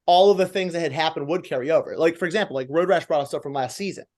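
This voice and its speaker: A man's voice: fairly high pitch, very fast, darkish tone. A man judging in a casual panel debate, disagreeing politely and hesitantly. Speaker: competition judge.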